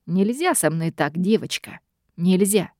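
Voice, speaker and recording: A woman's voice: on the low side, lively intonation, measured pace, dark tone, dry recording, studio quality. A woman doing a smug male demon boss. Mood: menacing.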